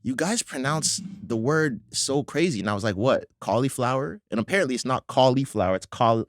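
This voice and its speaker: A man's voice: mid-range voice, brisk, dry recording, studio quality. A man, talking casually as a guest on a podcast.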